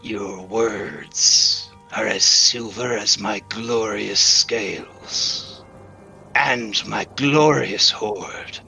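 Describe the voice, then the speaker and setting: A man voicing a haughty, boastful dragon in a tabletop game, with a deep, rumbly, gravelly growl and slow pompous delivery. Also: fairly even intonation, sharp tone, faint music behind, heavily acted. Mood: haughty boasting. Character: smug haughty boastful dragon, huge and male.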